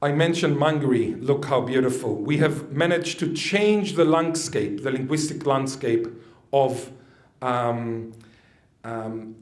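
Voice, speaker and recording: A man's voice: medium pitch, animated, slow. Man giving a chatty lecture in an echoey hall. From Israel. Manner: chatty, with jokes and asides to the audience. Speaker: conference speaker. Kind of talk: lecture to an audience.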